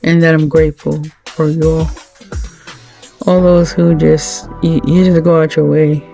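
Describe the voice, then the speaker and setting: A woman with a gravelly, creaky voice talks straight to her viewers in a heartfelt thank-you. She speaks earnestly and with faith, often pausing and starting her sentences over. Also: sits low, flat delivery, warm tone, faint music behind. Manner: earnest and religious, halting with many fillers and restarts. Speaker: channel host, wife of the late channel owner.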